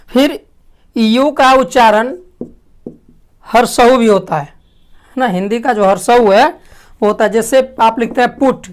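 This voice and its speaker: A woman teaching a language lesson, asking questions and answering them herself, clearing her throat often. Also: on the high side. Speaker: English teacher. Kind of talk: classroom lesson.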